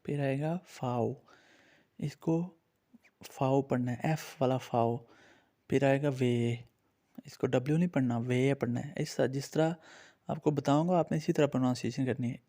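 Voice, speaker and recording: A man's voice: medium pitch, steady tone, moderate pace, mellow. A man with an Urdu-influenced accent teaching a beginners' language lesson, patiently naming and repeating each letter for his learners.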